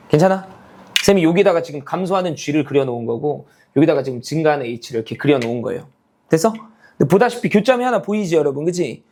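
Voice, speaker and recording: A man teaching a math lecture, explaining a graph step by step and constantly checking whether students follow with quick tag questions. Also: on the high side, darkish tone. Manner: calls himself teacher, half-casual speech.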